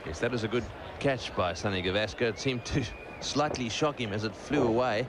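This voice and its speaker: A man's voice: mid-range voice, moderate pace. A man giving live cricket commentary, adding his observations on the play. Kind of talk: live expert sports commentary. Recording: noisy outdoor broadcast with crowd. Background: stadium crowd.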